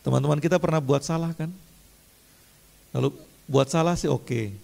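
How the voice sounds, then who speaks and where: A man preaching a sermon in a casual, conversational way, mixing in English phrases and building to loud, emphatic runs. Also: mid-range voice, gravelly. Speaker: pastor. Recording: long hall reverb.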